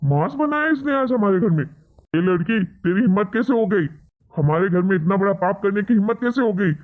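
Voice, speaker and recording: A stern father-in-law in a cartoon rages and threatens, voiced by a man. His voice sits high for a man. The sound is thin and phone-like. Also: animated, a little fast. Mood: angry. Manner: gruff, threatening.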